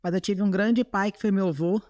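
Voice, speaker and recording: A woman's voice: medium pitch, fairly even intonation, fairly quick, a little mellow. A woman from Chile with a Brazilian Portuguese accent, a podcast guest talking earnestly in casual chat. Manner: earnest, tags remarks with "sabe?". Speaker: guest, bodybuilding athlete.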